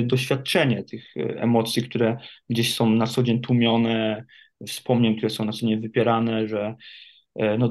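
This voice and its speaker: A man in the role of an addiction therapist answers questions as a guest. He speaks in a steady, nearly monotone voice, and he thinks aloud with frequent hesitations. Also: mid-range voice. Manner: measured and reflective, many hesitation fillers. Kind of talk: interview guest.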